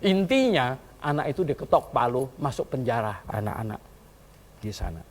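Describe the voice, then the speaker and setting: A male pastor preaches a sermon in a colloquial way, telling a story and chuckling often as he moves between quiet asides and loud calls to the congregation. His mid-range voice is husky and sing-song, at normal speed.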